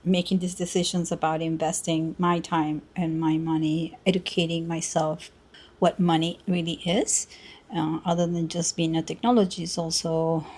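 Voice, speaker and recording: Woman in her 60s musing out loud, kinda low voice, wanders all over, pokes fun at herself. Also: husky. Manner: rambling, self-mocking, sarcastic asides. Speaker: artist and podcaster. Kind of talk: casual reflective monologue.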